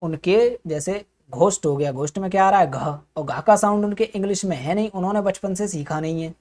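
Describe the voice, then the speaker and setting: सवाल पूछकर खुद जवाब देती शिक्षिका. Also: female voice, on the low side, a little fast, darkish tone. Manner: asks herself questions and answers them. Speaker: English teacher. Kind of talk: explanatory spoken lesson.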